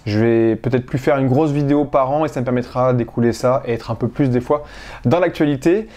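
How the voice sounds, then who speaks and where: French guy rambling about his collection, lots of ums and restarts, mellow voice. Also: medium pitch, fairly quick. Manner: hesitant, many fillers and restarts. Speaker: collector showing his purchases. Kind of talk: casual unboxing vlog.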